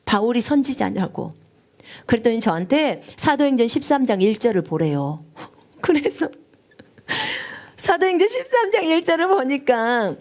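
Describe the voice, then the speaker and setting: A woman missionary preaching a sermon, telling her story with strong emotion, at times rising high and near tears. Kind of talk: live-streamed sermon testimony.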